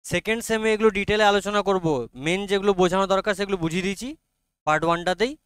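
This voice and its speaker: A male teacher giving a lecture, dictating notes slowly, spelling words out letter by letter and often asking whether students have understood. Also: sits high, steady tone, a bit bright, smooth, no room sound, clean studio sound. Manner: checks understanding with frequent questions and spells words aloud letter by letter; dictates notes slowly, correcting himself as he goes. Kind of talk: classroom lecture.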